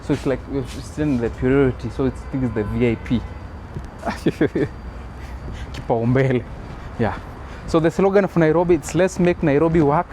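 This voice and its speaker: A man's voice: mid-range voice, dark tone, poor audio. A man hosting a casual walking tour vlog, speaking hesitantly and often repeating himself. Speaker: vlog host. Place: outdoors at a city bus terminal. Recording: outdoor city traffic noise. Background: faint traffic and street ambience.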